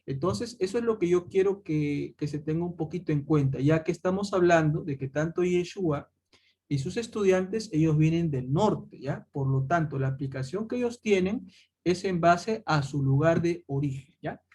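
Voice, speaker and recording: A man's voice: fairly high pitch, normal speed, darkish tone, husky. A man teaching a Bible lesson, calling his listeners "chicos" and answering his own questions as he goes. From Peru. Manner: addresses listeners as "chicos", asks rhetorical questions.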